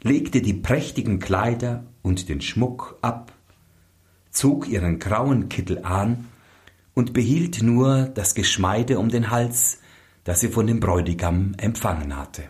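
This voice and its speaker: A man reading a fairy tale aloud in a slow, expressive storytelling manner. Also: on the low side. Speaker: narrator.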